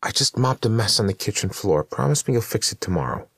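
A man's voice: fairly low pitch, lively intonation, fast talker, vocal fry, fairly bright tone, breathy edge, no echo, studio quality, voice pushed up, exaggerated voice. A man voicing the ghost of a dead wife, pleading and needy, in an audiobook. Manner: pleading, repetitive. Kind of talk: audiobook narration.

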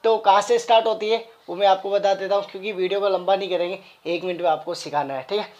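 A man teaching the flute in a casual, chatty way, explaining quickly between sung note syllables. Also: sits high, steady tone, darkish tone, muffled recording. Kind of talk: casual music tutorial.

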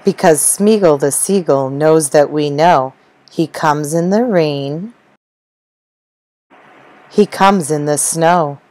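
A woman narrating a rhyming children's story, gentle and rhythmic. Her voice sits low and moves at an unhurried pace. The recording is dry and close. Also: dry recording, low-quality recording. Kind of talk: children's story reading in rhyme.

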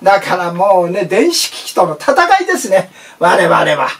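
A man's voice: high voice, big pitch swings, moderate pace, creaky, distant mic. A man performing a comic monologue on stage without an audience, chatty and playful with many asides. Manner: chatty, playful, lots of asides and voiced impressions. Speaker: rakugo storyteller. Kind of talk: comic monologue, then storytelling narration.

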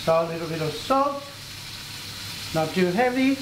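Animated and speaking at a moderate pace, a middle-aged man with a high voice hosts a cooking demonstration, chatting instructively as he cooks. It's recorded in an echoey commercial kitchen with faint sizzling and a noisy background.

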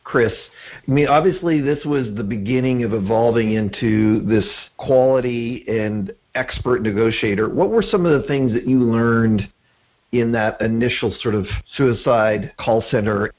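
A man's voice: medium pitch, a little slow. A man hosting an interview, speaking reflectively and conversationally to his guest and listeners. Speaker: podcast host, interviewer. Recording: dull lo-fi podcast audio.

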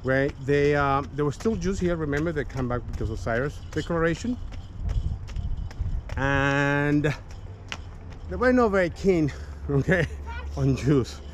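A tour guide with a fairly high, animated voice talks history at a measured pace on a city street, caught by a camera mic with slight background noise and poor audio. He's chatty and casual, calling everyone "guys," sprinkling in "okay" and "right," restarting sentences and laughing lightly.

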